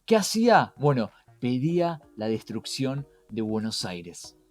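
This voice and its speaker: On a conversational explainer podcast, a co-host with a Rioplatense Argentine accent keeps asking rhetorical questions of his co-host and listeners before supplying the answers. His medium-pitched, slightly mellow voice swings widely in pitch, and he takes his time. Soft music plays underneath.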